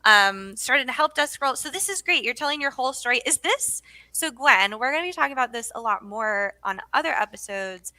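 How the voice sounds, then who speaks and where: Bright, bubbly woman livestream host. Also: on the high side, animated, brisk, dry recording. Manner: bubbly and exclamatory, frequent "ooh" and laughs. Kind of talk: casual livestream chat.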